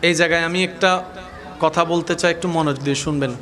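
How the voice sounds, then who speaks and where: Guy preaching loud to a big crowd, high voice, noisy crowd all around. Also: fairly even intonation, fast, over music. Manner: shouting, calls the crowd to answer back. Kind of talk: sermon to a live crowd.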